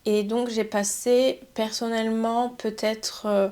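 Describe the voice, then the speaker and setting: A young adult woman from France, a French teacher calmly explaining step by step in a podcast. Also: fairly high pitch, slow pace. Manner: calm, methodical explaining, building points step by step.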